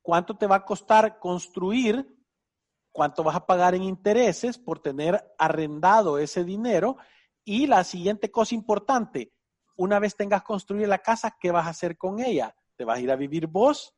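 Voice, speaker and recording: Upbeat high-voiced Salvadoran man. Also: expressive, moderate pace, darkish tone. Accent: Salvadoran Spanish. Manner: enthusiastic, teasing, uses vos. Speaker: financial advice host. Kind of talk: casual radio advice chat.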